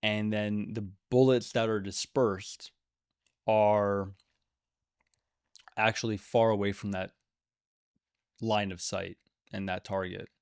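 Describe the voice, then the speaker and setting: A man's voice: medium pitch, a little mellow, dry recording, clean studio sound. A man giving opinionated commentary to camera on a video game, emphatic and repeating words for stress. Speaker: gaming video creator.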